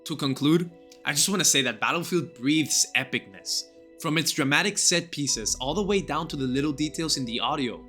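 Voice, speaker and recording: A man's voice: on the high side, expressive, moderate pace, sharp tone, faint music behind. A young man narrating a scripted gaming video in an enthusiastic, gushing and informal way.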